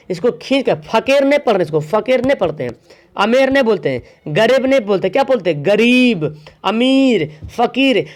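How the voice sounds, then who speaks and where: Guy teaching grammar for exams, fairly high voice, keeps asking "what do we say?" and repeating words. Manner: repeats words and quizzes listeners with questions; drags out words slowly to show pronunciation. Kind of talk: exam grammar lesson.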